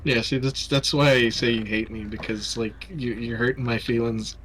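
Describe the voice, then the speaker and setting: A man's voice: mid-range voice, fairly even intonation, moderate pace, fairly bright tone, a little hiss or hum. A young man from Canada chatting casually while playing a game, joking, swearing freely and laughing at his own stories. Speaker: streamer. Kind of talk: casual gaming chat.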